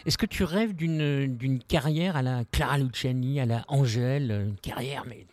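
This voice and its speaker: A man's voice: medium pitch, moderate pace, a little mellow, no echo. A man hosting a podcast, asking informal and somewhat hesitant interview questions. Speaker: podcast host.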